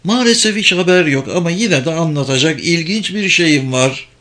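A honeyed, coaxing woman's voice, put on by a male audiobook reader, pitched high and light. She is ruthless and scheming beneath the sweetness. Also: lively intonation, moderate pace, fairly bright tone.

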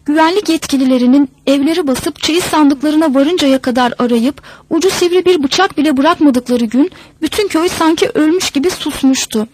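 High-voiced woman narrating a folk tale. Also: poor audio. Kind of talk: storybook narration.

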